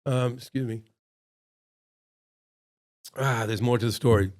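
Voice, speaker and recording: A man's voice: medium pitch, fairly even intonation, unhurried, a little mellow. A man, a restaurant owner hosting his own show, telling a story casually and rambling, acting out quotes with big jumps in his voice.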